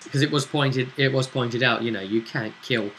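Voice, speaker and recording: A man with a medium-pitched, fairly bright voice, speaking at a moderate pace over slight background noise, recaps a tabletop roleplaying session. As host and game master, he tells it casually, like a conversational story.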